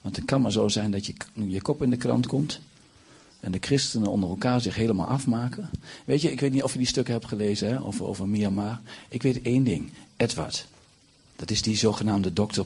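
A man in his forties preaching a sermon, nearly hoarse, swinging from hushed talk to loud bursts. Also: fairly low pitch, normal speed. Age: 40s. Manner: animated, swings from hushed to shouting.

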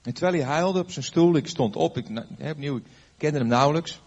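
Older male pastor with a husky voice, chatty storytelling sermon, dull lo-fi recording. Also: fairly high pitch, a little fast, darkish tone. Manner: conversational storytelling with fillers and questions to the audience. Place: before a live audience.

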